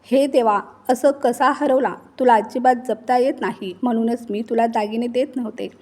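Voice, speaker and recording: A woman's voice: a little high, measured pace. A woman reading the lines of a harsh, accusing older mother-in-law in a storybook tale. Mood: scolding. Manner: sharp, accusing.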